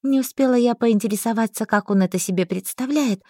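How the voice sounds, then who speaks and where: A woman narrating a first-person fantasy novel in a lively storytelling manner. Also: fairly high pitch, fairly quick, dry recording, studio quality. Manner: lively storytelling, voicing every figure. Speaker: audiobook narrator.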